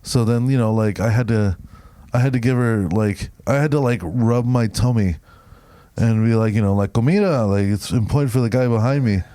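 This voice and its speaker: Dark-voiced man telling a story. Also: fairly low pitch, normal speed, smooth, no room sound. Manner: animated storyteller, acts out both sides of a story; swears casually, says bro. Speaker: podcast co-host. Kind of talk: casual podcast storytelling.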